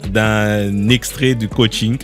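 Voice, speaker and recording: A man co-hosting a relaxed talk show, chatting and laughing as he quotes viral clips. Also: on the low side, slow, soft background music. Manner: lively, laughs while quoting viral clips. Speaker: co-host. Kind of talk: casual chat.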